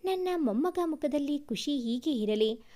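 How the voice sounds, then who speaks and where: A woman's voice: high voice, expressive, a little slow, warm tone. A woman reading the part of a kindly old grandfather speaking fondly to his grandson. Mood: fond teasing. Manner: affectionate, teasing.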